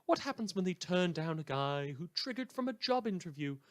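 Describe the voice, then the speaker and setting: This time the sardonic small-town radio host of a scripted fan drama sounds high-pitched and fairly quick, with big swings in pitch. The man reads mock news snidely and theatrically, dropping into muttered asides before erupting into outbursts.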